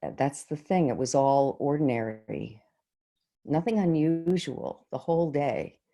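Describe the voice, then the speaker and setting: Her voice low and warm, a woman plays a middle school teacher who is earnest and shaken in a staged monologue over video call. The mood is shaken and subdued, and her delivery is reflective and halting, with intentional pauses.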